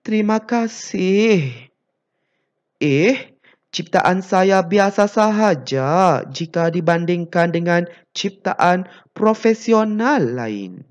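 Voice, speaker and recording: A teacher reading the part of a modest male welder who invented a bed, in a plain, steady explanatory manner. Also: mid-range voice, slow, voice pushed up.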